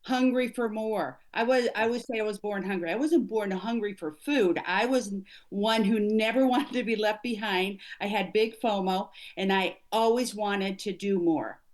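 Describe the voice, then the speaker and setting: A woman's voice: mid-range voice, normal speed, hardly any pauses. A middle-aged woman, an executive coach, speaking earnestly and emphatically as an interview guest. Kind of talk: conversational interview.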